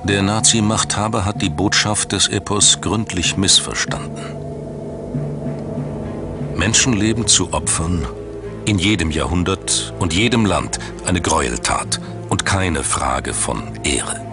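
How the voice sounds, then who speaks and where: Deep and low, a man's voice tells a scripted documentary with measured drama, like formal storytelling. Background music plays clearly underneath throughout.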